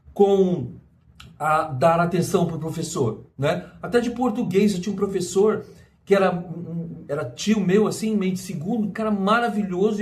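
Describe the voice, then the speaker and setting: A middle-aged Brazilian man talking casually to camera, rambling with many restarts and tag questions. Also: high-pitched. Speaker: vlogger. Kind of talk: casual personal monologue.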